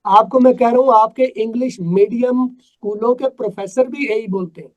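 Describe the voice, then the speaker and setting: A man's voice: very high voice, normal speed, lo-fi sound. A man from Pakistan teaching an English class over a video call, emphatic and quizzing his students. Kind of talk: live online class.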